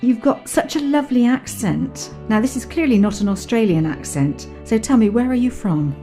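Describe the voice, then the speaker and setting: A woman's voice: on the high side, animated, normal speed, dark tone, soft background music. A woman hosting a radio interview, introducing her guest and asking questions with gushing enthusiasm. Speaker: radio host.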